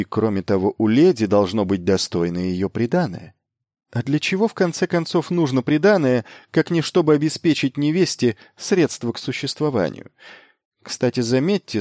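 A man reading an audiobook voices a young male mercenary lord who talks briskly, commanding and ironic. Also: medium pitch, a little mellow, no echo, studio quality, lightly acted. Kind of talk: audiobook character voice.

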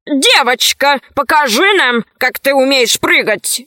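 A scheming male priest presides over a trial, wheedling one moment and commanding the next, voiced by a woman. His bright, raised voice moves a lot and takes its time, recorded close and dry. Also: high-pitched, expressive, slow, no echo, exaggerated voice. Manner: commanding, sly.

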